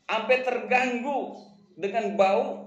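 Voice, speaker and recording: A man preaching a sermon at a religious study gathering, chanting Arabic quotes and explaining them in lively casual speech. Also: takes it slowly, highs cut off. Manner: lively, swings from loud emphasis to low asides, chants Arabic quotes then explains; casual street slang and acted banter. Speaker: Islamic preacher. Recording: echoey room with faint background noise.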